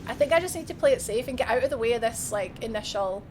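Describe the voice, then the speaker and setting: A woman's voice: fairly high pitch, lively intonation, fast, darkish tone, a little hiss or hum. A woman with an Edinburgh Scottish accent giving casual, informal live gameplay commentary, thinking aloud and chatting with viewers. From Edinburgh, Scotland. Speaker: video game streamer. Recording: music behind the voice. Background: music.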